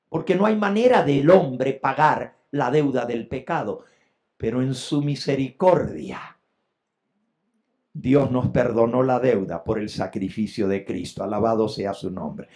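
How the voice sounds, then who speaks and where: A man preaching a sermon as pastor, swelling with emphasis and rising loud on key points. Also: fairly high pitch.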